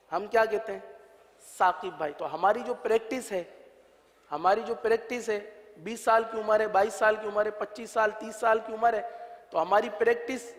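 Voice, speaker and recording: A man's voice: sits high, a bit bright. A man, teaching Quran pronunciation and leading call-and-repeat drills in a patient, step-by-step way. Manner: patient, explains step by step and drills letter sounds. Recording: long hall reverb.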